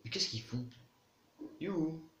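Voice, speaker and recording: A man's voice: fairly high pitch, lively intonation, slow pace, fairly bright tone, echoey room, slight background noise. A man casually commenting on his own gameplay, chatting, explaining game mechanics and talking to other players. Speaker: gaming YouTuber.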